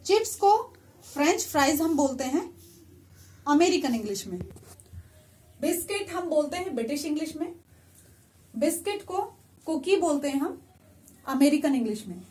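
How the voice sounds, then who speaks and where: A woman teaches vocabulary beside a whiteboard, her voice sitting high. She goes patiently through the list, repeating each word before giving its counterpart. Her English asides come slow and careful. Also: animated, a little mellow. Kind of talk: explaining vocabulary to viewers.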